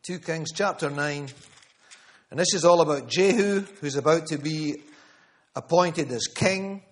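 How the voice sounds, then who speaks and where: A man's voice: a little high, unhurried. A man preaching a sermon to a room, emphatic, repeating key phrases and calling on listeners by name. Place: church gathering room.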